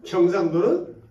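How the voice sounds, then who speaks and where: A man with a Jeolla accent preaches at a church revival, keeping the congregation laughing with folksy, teasing asides. His voice sits a little high. He is recorded from off-mic in an echoey sanctuary. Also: warm tone, recorded from a distance, highs cut off. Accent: Jeolla Korean. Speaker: pastor. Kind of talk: sermon at a revival meeting.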